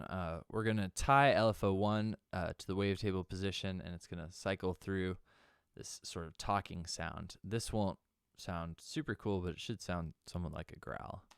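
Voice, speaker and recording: A young male music producer with a deep, clear, resonant voice gives a casual synth sound-design tutorial, chatting loosely with plenty of fillers. The studio-quality recording has no room sound.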